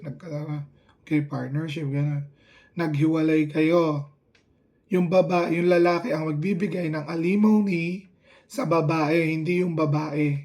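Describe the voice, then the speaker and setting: Rambling man with a dark, mellow voice. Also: fairly high pitch. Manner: rambling, halting, many restarts. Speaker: vlogger. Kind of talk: rambling casual talk to camera.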